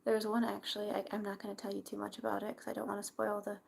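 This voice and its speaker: A young woman chatting casually in a hushed, breathy library whisper while live crafting. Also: mid-range voice, completely flat delivery, fast. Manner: hushed library whisper, keeping quiet for sleepers. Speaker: craft livestreamer. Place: at home late at night, crafting. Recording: faint background noise.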